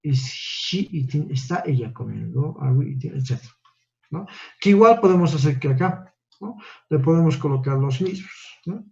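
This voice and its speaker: In a muffled recording, a man on the high side of pitch gives an expressive classroom lecture at a moderate pace. His voice is creaky and darkish, and he explains step by step, frequently tagging lines with "¿no?" and "¿ya?" to check in.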